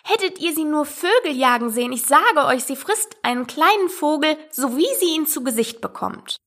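A woman's voice: high voice, big pitch swings, moderate pace, a bit bright, voice pushed up. A woman voicing a curious, polite young girl who talks eagerly and earnestly.

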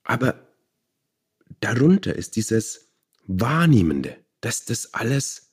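A man, a meditation teacher and author, explaining calmly in an interview and sometimes searching for words. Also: medium pitch, takes it slowly, breathy edge. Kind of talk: interview conversation.

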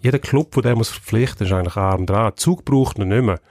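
A man's voice: on the low side, brisk, a little mellow, dry recording, clean studio sound. A man with a Swiss German accent giving blunt, scornful opinions on hockey in a casual chat. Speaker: hockey pundit.

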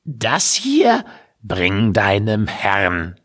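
Sly old witch with a rasp, falsely sweet, slow and drawn out, played by a man for a storybook reading. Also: on the low side, huge pitch swings, heavily acted. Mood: false friendliness. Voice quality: rasping, snarling. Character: scheming old witch woman, falsely friendly.

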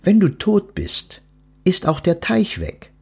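A man doing calm, dry-witted Death. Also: high-pitched, slow, gravelly, slightly rough, voice pushed up, exaggerated voice. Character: Death as a calm, gentle male companion. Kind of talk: storybook reading.

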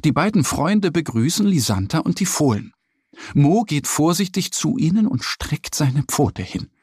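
A man narrating a children's story in a slow, lively, slightly husky voice. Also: fairly high pitch, no echo, clean studio sound.

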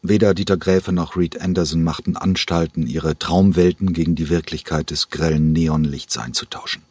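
Deep husky male audiobook narrator. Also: steady tone, moderate pace, darkish tone, no room sound. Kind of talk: scripted thriller narration.

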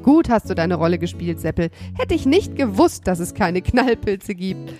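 A woman voicing a kind old grandmother who speaks softly and gently. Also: big pitch swings, moderate pace, soft background music, close to an everyday voice. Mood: gentle, tender. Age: older. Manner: soft and gentle, very high.

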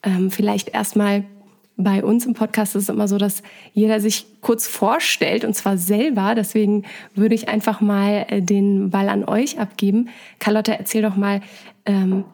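Gravelly-voiced woman hosting a podcast. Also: mid-range voice, fairly even intonation, moderate pace, warm tone. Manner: chatty, hesitant with fillers. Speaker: podcast host. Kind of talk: casual interview.

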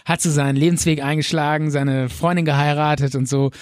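A man's voice: a little high, steady tone, brisk, no room sound, studio quality. A man in a casual chat, rambling with many fillers and restarts while retelling scenes and acting out the quotes.

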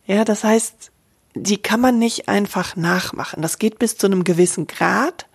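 A woman voice coach giving a spoken lesson, talking calmly and directly to the listener. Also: mid-range voice, a little slow, husky. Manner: calm, explanatory, addresses listener directly.

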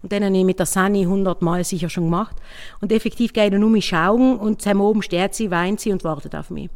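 Woman, South Tyrolean German accent, halting personal account, fillers, echoing room. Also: medium pitch, a little mellow. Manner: halting, searching for words, many fillers. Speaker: innkeeper telling her story. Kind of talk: personal account, casual spoken.

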